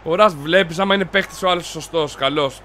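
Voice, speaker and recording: A young man loudly commenting while he plays a football video game, cheering and cursing at his players. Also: fairly high pitch, a little hiss or hum. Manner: loud, excitable, yells and swears at his players. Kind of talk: excited gaming commentary.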